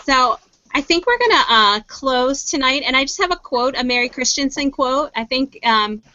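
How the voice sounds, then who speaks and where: A woman's voice: sits high, animated, moderate pace, pushed and bright, dull audio. A woman hosting a round table chat, upbeat and encouraging listeners to act. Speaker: host.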